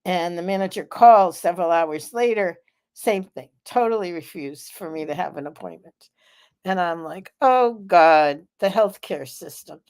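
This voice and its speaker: Slow-talking woman in her seventies. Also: fairly low pitch, darkish tone, clean tone. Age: 70s. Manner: slow, chatty storytelling with frequent fillers and laughs. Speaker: vlog host. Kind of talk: casual live vlog chat.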